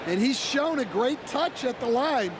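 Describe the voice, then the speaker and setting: A man's voice: very high voice, lively intonation, unhurried, very noisy. A man playing an upbeat color commentator who analyses the plays in a basketball broadcast. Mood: appreciative.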